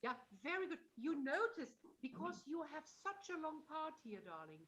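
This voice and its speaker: A middle-aged voice teacher coaches a singer over a video call in a masterclass, her high-sitting voice very animated at a normal speed, with the highs cut off and a little hiss or hum. She sometimes sings phrases to demonstrate, then explains warmly, calling the singer "darling."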